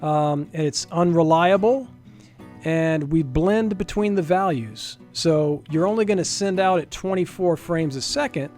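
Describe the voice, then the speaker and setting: A game developer presents a software demo in an informal, explanatory screen-recorded tutorial, thinking aloud as he works. His voice is fairly high, a little slow and a little mellow, with soft background music playing.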